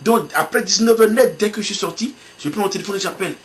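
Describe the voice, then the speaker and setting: Man preaching, tells it like a lively story, bit of faint noise behind. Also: sits high, quick pace. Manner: animated storytelling, acts out his own excitement. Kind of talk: sermon illustration told as a story.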